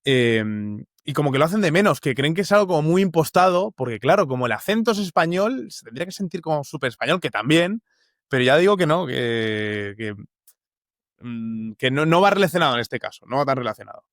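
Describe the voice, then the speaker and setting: A man's voice: a little high, lively intonation, a little fast, fairly bright tone, dry recording, studio quality. A young man from Uruguay with a Spanish accent from the Valencia area, a journalist talking as a guest in a casual interview, thoughtful and full of fillers and restarts.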